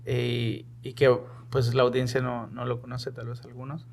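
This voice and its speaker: Brief: male host, gravelly fry in the voice, gentle prompting questions. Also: medium pitch, monotone, normal speed, a little hiss or hum. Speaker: podcast host. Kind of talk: conversational interview.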